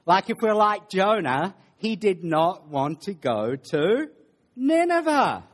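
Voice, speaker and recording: A man preaching a sermon to a congregation, dropping into sarcastic asides and building to slow, emphatic lists. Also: sits high, animated. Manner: sarcastic asides, drops to quiet then builds. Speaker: pastor. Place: church sanctuary.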